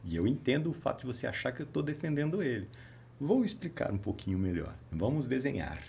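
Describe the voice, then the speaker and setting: A man's voice: medium pitch, brisk, creaky, a little hiss or hum. A man with a Brazilian accent hosting a casual podcast chat as a therapist, telling stories and acting out his talks with patients. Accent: Brazilian Portuguese. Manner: animated storyteller, acts out dialogue with patients.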